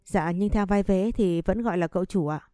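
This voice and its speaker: Woman reading as a shy polite teenage maid, mellow, dry read. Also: mid-range voice, normal speed, no echo, lightly acted. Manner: polite, deferential.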